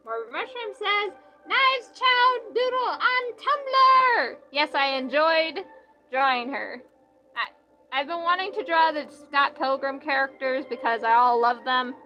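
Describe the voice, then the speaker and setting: Young woman, streamer, high voice, rambling casual chat, lots of fillers, faint music behind. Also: bright, forceful tone, lo-fi sound. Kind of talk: casual chat reading out live chat.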